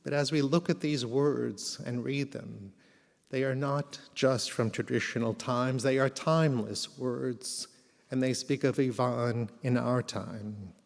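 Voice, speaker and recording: A man delivers a memorial sermon as a rabbi in a reverberant hall. His delivery is solemn and unhurried, with reverent, measured phrasing and a medium-pitched voice. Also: steady tone, gravelly. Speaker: rabbi leading a memorial service. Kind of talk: eulogy sermon with scripture reading and prayer.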